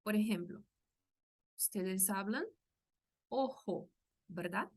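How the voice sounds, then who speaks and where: A woman with a slightly high, slightly mellow voice speaks slowly. She's a language teacher from Brazil, a native Portuguese speaker with a Brazilian Portuguese accent, patiently explaining sounds during a lesson and pronouncing each one aloud as a model.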